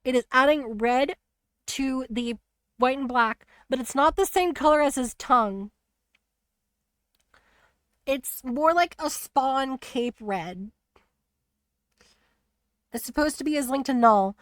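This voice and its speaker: A woman streamer chatting casually about a video game, rambling and animated with lots of fillers. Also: high voice, slow, pauses often, no echo. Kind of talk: casual spoiler chat on a live stream.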